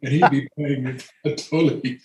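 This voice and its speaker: A man's voice: mid-range voice, fairly even intonation, moderate pace, darkish tone, a little hiss or hum. Older man telling stories in an echoey room. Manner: rambling anecdotes with frequent laughter and restarts. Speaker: guest, retired orchestral horn player. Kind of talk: relaxed storytelling conversation.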